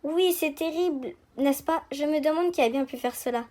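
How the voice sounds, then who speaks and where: A woman's voice: sits high, moderate pace, darkish tone, natural voice. Polite schoolgirl delegate Mélodie, read by a woman. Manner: polite and earnest.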